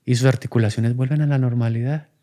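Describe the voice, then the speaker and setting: A man's voice: mid-range voice, steady tone, fast talker, mellow. A man, talking in a reflective, conversational way as a podcast guest, acting out children and parents in his examples. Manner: acts out child and adult voices in examples.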